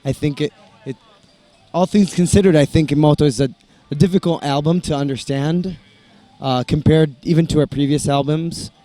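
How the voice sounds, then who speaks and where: Over soft background music with no room sound, this band member, a young bilingual English-Italian speaker from the United States, fields interview questions casually. He sounds dark-toned and on the high side, with fairly even intonation at a normal speed, stumbling through restarts and fillers.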